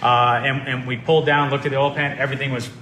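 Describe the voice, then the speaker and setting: A man's voice: medium pitch, level tone, fast talker. A man who owns an auto shop, hosting a casual promotional chat in an easygoing, chatty way. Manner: easygoing, chatty, loose restarts. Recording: echoey shop with loud background noise.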